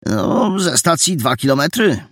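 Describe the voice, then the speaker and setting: A man's voice: a little high, very animated, creaky, no echo, studio quality, pitched above the performer's own voice, full character voice. A man doing a cheeky, chatty teenage boy. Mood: sly, cheerful. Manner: bright, quick, salesman-like patter.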